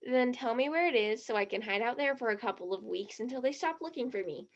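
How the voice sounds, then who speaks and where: In a one-act stage play, a woman plays an eager teenage girl, her high voice gushing with dramatic earnestness. She talks animatedly and quickly, with a pressing mood. The recording sounds slightly muffled and lo-fi.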